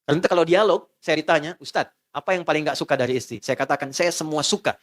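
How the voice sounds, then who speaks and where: A middle-aged man preaching a relaxed sermon with jokes and acted dialogue. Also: fairly high pitch, quick pace. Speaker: Islamic preacher.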